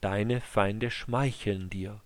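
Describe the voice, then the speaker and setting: A man reading scripture aloud in a measured, solemn recitation, like an audiobook narrator. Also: on the low side, fairly even intonation, no echo.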